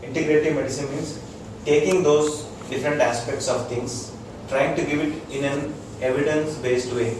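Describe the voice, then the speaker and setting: With a voice on the high side and fairly even intonation, an Indian-accented man talks at normal speed with hardly any pauses. He's a doctor giving a small group an informal integrative medicine lecture in a room, using short repeated phrases and checking they follow. Expect noise, echo and a distant mic.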